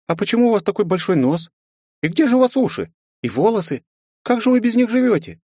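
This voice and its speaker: A man's voice: sits high, sing-song, brisk, warm tone, no echo, clean studio sound, voice pushed up, full character voice. A man voicing a curious, chattering little girl who fires off eager questions.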